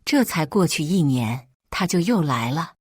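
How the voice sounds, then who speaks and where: A woman narrating a dramatic first-person story in an emotional, expressive way. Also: low-pitched, normal speed, husky, no echo, studio quality.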